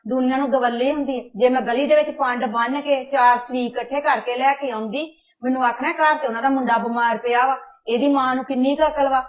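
A woman playing a worried older mother in a home-made family drama. She scolds with tenderness and pushes her daughter to hurry, her fairly high voice coming through a dull, muffled recording. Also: close to an everyday voice. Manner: urgent, scolding yet tender. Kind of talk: amateur family drama acting.

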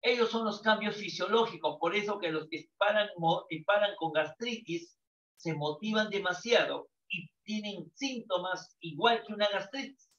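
A man's voice: high-pitched, moderate pace, fairly bright tone. An older man, teaching a psychology class and asking and answering his own questions. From Peru. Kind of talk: lecture to students. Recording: echoey, distant, dull lo-fi sound.

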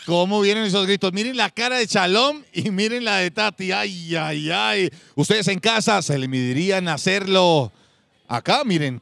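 A man hosting a TV game show, excitable and exclamatory, talking to the viewers at home. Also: sits high, creaky, no room sound.

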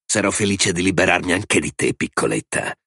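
A man voicing a drunk, crude man who taunts with drawn-out, sneering words. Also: low voice, expressive, gravelly, pushed and bright, husky, no echo, studio quality, exaggerated voice. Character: drunk, crude, mocking man, hostile stepfather type.

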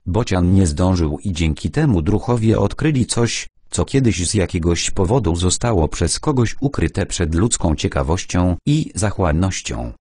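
A man's voice: sits low, animated, normal speed, a little mellow, husky, dry recording, clean studio sound. A man reading the lines of an eager young scout in an audiobook, in an earnest, explaining manner.

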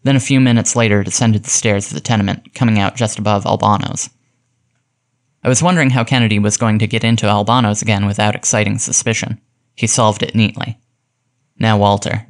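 A man narrating a classic detective short story aloud, reading its dialogue with light acting. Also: lowish voice. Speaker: audiobook narrator. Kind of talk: scripted narration.

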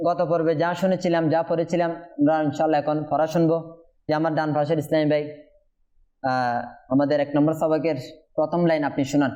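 A man's voice: fairly high pitch, level tone, fast talker, dark tone, highs cut off. A man with a Bangladeshi Bengali accent teaching Quran recitation in class, patiently repeating questions to his students.

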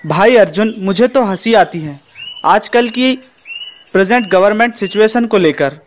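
A man's voice: high voice, expressive, moderate pace, slight background noise. A young man acting in an amateur Hindi short film, chatting casually with a friend.

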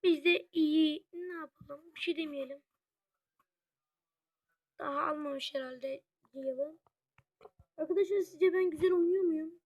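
Very high-pitched chatty gamer. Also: measured pace, pauses often, muffled recording. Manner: chatty, constantly addressing viewers as friends; excitable, reacting out loud to the match. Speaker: gaming YouTuber. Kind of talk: casual gameplay commentary.

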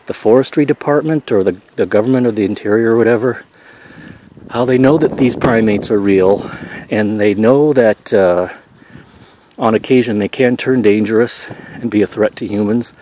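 A man's voice: fairly low pitch, moderate pace, dark tone, a little hiss or hum. Rambling man musing while walking outdoors. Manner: rambling, musing, hesitant with many fillers. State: somewhat out of breath from walking. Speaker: vlogger. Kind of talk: casual walking vlog monologue. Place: outdoors, walking with his dog.

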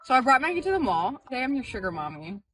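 A woman's voice: sits high, big pitch swings, very fast, fairly bright tone, husky, dry recording. A woman narrating a shopping vlog in an upbeat, playful way. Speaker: vlogger.

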